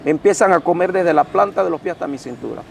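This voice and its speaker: High gravelly-voiced man telling testimony. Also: expressive, quick pace, slight background noise. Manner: intense, dramatic storytelling that swells and drops. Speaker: pastor giving his testimony. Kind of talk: emotional personal testimony to an interviewer.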